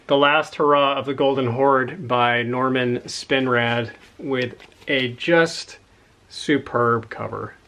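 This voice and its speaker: Slow and sharp-toned, this man's mid-range voice rambles casually about the books he's found. He's a collector showing his haul, enthusiastic and a little winded.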